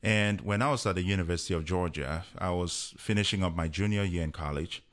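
A man, a guest telling a personal story in an unhurried way with many fillers. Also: deep voice. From Cameroon.

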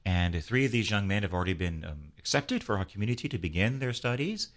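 A man's voice: lowish voice, very animated, fast talker. A man, a priest, hosting an interview, leading a prayer and speaking with fervent, preaching emphasis. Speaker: priest and host.

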